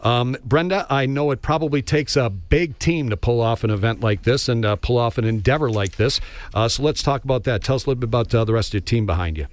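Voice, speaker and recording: Male radio interviewer, folksy, chatty, medium pitch, dry close studio sound. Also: quick pace, no echo. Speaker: radio host. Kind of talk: conversational local radio interview.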